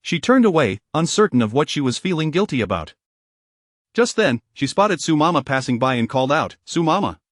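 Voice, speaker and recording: Man narrating, slightly high, dry. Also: big pitch swings, fairly quick, fairly bright tone, dry recording. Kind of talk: scripted story narration.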